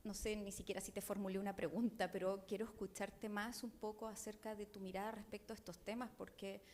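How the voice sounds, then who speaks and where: A woman's voice: mid-range voice, little pitch movement, brisk, darkish tone, slight background noise. Chilean woman, thoughtful academic discussant. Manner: thoughtful, digressive, frequent tag questions. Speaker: panel discussant.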